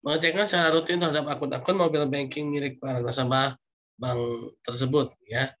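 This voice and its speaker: A man's voice: fairly high pitch, steady tone, fairly quick, fairly bright tone. A man lecturing online, reading through slide points with frequent "ya" and "nah" asides.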